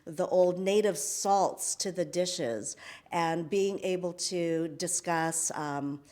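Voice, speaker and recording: A middle-aged woman born in the Philippines hosts a conversational interview, chatty and full of fillers and restarts. Her voice is fairly low in pitch and a little mellow, and she takes it slowly.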